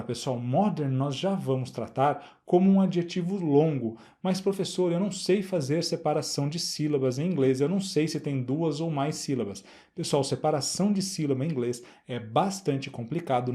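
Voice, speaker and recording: A middle-aged man with a Brazilian Portuguese accent, explaining an English grammar exercise as a teacher, repeating words slowly and checking in with the class. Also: fairly high pitch, warm tone.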